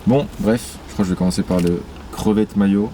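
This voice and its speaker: A young man talks casually into a handheld camera mic outdoors, with loud rain and traffic hissing around him. His voice sits fairly low, and he chats in slangy, joking bursts, swearing freely as he tastes food. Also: a little fast. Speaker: travel vlogger. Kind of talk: casual vlog chat to camera. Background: rain and passing traffic.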